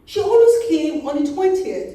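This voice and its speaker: A woman voicing a condescending, nosy gentleman who asks loud, prying questions. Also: extremely high pitch, very animated, moderate pace, heavy reverb, recorded from a distance, pitched above the performer's own voice.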